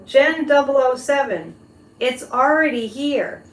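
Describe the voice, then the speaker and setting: Female live-stream host, fairly high pitch, informal direct-to-viewer chat, very roomy sound. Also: takes it slowly. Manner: conversational, addresses listeners directly. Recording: roomy echo, background noise.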